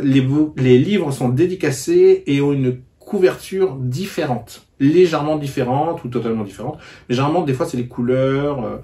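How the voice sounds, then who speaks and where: Man, book vlogger, casual chat, halting, filler-heavy, mid-pitched voice. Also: dark tone. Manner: hesitant, many fillers and restarts. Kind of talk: casual book-review vlog.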